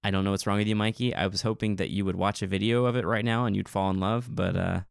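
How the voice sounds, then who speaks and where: A man co-hosts a relaxed podcast chat, his voice sitting low with a gravelly edge. He gets excitable and likes to tease his co-host. The recording is dry and close, with no room sound. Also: fast talker, no room sound. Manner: excitable, playful teasing. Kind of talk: casual chat.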